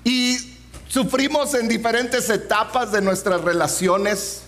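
A man's voice: very high-pitched, slow. A man, preaching a sermon and telling a funny personal story. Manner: humorous, animated storytelling.

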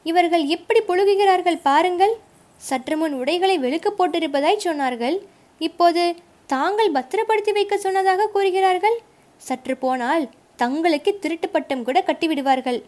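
A woman's voice: on the high side, normal speed, darkish tone, natural voice. A woman voicing a bold young male warrior who protests indignantly and emphatically in a storybook reading.

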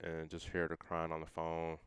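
A young man sharing a personal testimony in a casual interview, earnest and full of everyday slang, quoting himself in a quieter voice. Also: very deep voice, monotone, normal speed, clean tone, no echo. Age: young adult. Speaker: guest sharing his testimony.

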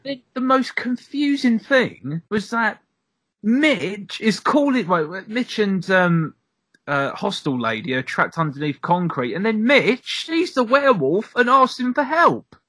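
Man, lively swinging pitch, bright voice, dry sound. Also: a little slow, breathy edge, dry recording. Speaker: podcast co-host. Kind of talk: casual chat.

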